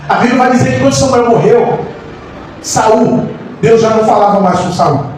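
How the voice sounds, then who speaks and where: A man, a pastor, preaching a sermon with passion, moving between soft lines and shouts. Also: sits high, normal speed. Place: church hall. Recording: echoey church hall, mic far off, faint noise.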